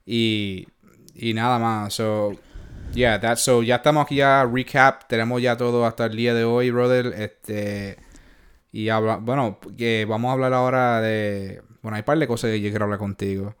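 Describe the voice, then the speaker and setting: A podcast co-host with a Puerto Rican Spanish accent chats casually, laid-back and slangy, slipping English phrases into his speech. His mid-range voice holds a steady tone at a normal speed, and it sounds clean.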